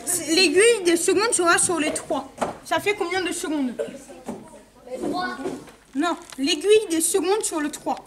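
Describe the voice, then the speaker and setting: A very high-pitched kids' party magician talks a little slowly, leaving long pauses as he gives volunteers instructions and questions during his card tricks. The setting is a large indoor room with strong echo and a loud crowd.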